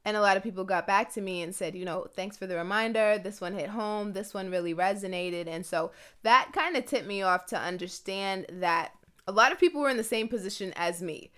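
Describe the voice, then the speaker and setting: A young woman hosting a motivational podcast, speaking in an earnest, encouraging way. She is pregnant and a little short of breath, and she slows down to stress key phrases. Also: medium pitch, a bit bright. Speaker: podcast host.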